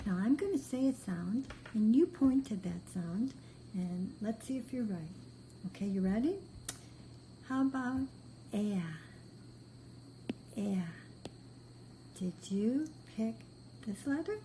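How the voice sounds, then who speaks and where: Some faint noise can be heard as a reading teacher, whose voice is very mellow and dark yet a little high and animated, leads beginners through phonics slowly. She keeps instructions short and patient, praising again and again.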